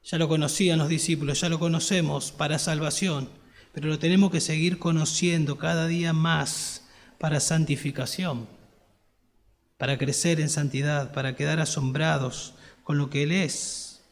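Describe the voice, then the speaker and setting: A man's voice: a little high, fairly even intonation, normal speed. A man with an Argentine accent, a pastor preaching an earnest sermon that swells to emphatic peaks. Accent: Argentine Spanish. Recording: long reverb of a church hall.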